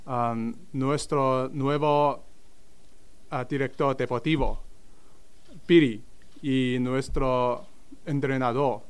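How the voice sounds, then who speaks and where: Slow, halting man. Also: medium pitch, steady tone, clean tone. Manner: halting, careful speech of a language learner. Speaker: football club owner. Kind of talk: prepared public statement at a press conference.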